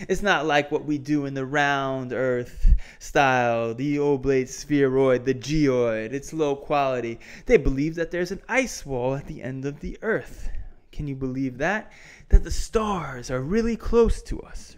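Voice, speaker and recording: Man doing a high-pitched, slow-burning wrestling promo. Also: clean tone, lightly acted. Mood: scornful. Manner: theatrical, emphatic, confrontational, with slangy rhetorical questions. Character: indignant, taunting male wrestler cutting a promo against flat earthers. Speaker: geography teacher. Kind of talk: wrestling promo parody of a science lecture.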